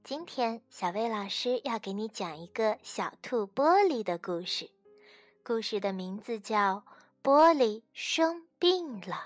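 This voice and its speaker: A woman teacher gently reading a bedtime story aloud to a child in a soft voice. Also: a little high, sing-song, measured pace, no echo, soft background music.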